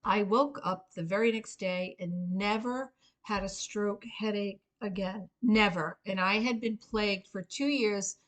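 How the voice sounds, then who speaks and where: A middle-aged woman giving an earnest, informal spoken pitch as personal storytelling, in a halting way with frequent pauses. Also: low-quality recording. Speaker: Reiki practitioner and memoir author pitching a book.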